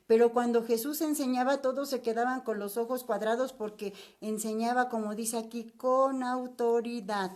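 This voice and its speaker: A woman's voice: fairly high pitch, steady tone, normal speed, few pauses, darkish tone. An older woman with a Mexican accent, teaching a Bible study lesson in a chatty way, putting rhetorical questions to her listeners.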